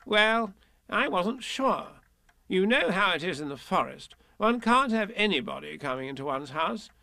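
A small, fussy rabbit who fusses over being careful, speaking high up in the voice with prim little swoops, performed by a man. It is a storybook voice, recorded dry and close. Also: very animated, measured pace, pushed and bright, dry recording, heavily acted. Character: fussy cautious male rabbit, small and nervous. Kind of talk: storybook reading.

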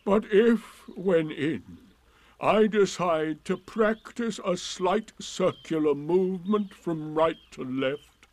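A man voicing a gloomy, sarcastic donkey in a storybook, with drawn-out, emphatic, indignant delivery. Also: high voice, dry recording, voice pushed up. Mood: sardonic, aggrieved.

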